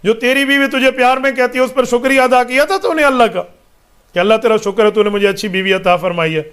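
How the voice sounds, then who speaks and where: High-voiced man preaching emphatically. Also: a bit bright, smooth. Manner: emphatic and rhetorical, lists points, recites Arabic phrases. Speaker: mufti answering religious questions. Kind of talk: religious Q&A answer, preaching.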